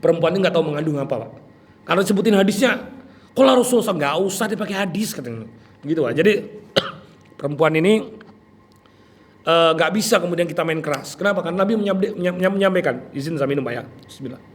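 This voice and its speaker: A man preaching a religious study session, lively and joking, often addressing his listeners directly. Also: a little high, quick pace, pauses often. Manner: lively, jokey, keeps addressing listeners with "Pak". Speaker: Islamic preacher. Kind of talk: sermon.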